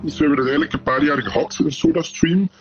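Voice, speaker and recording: A man, his voice electronically distorted and pitch-shifted to hide who he is, explaining things plainly in a recorded interview. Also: fast, over loud music. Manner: plain matter-of-fact explaining. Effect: voice electronically distorted to hide identity, shifted pitch. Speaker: anonymous interviewee. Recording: dull lo-fi taped clip.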